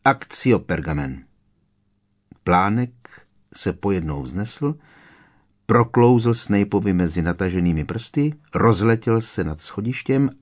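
A man narrates a novel aloud in a measured, steady way. His voice sits very low and keeps an even storytelling flow. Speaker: audiobook narrator. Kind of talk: scripted narration.

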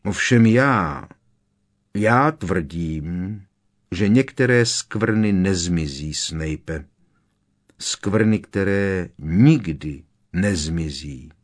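A grizzled old hunter of dark wizards growls his words slowly, with a quiet threat under them, as a male narrator puts him on. The voice is deep and rough, a storybook bruiser. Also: animated. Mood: menacing. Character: gruff, grizzled older male monster hunter. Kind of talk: audiobook character voice.

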